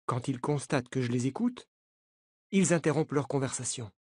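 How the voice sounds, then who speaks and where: A narrator reading a novel aloud in a slow, clear, learner-paced way. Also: medium pitch, expressive, darkish tone, no echo, clean studio sound. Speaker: audiobook narrator. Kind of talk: scripted narration of a graded-reader novel.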